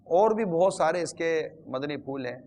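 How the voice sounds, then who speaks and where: A man speaks to viewers in an earnest, advising religious talk. His voice sits a little high, and he breaks into pious formulas and little quoted asides. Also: lively intonation, darkish tone.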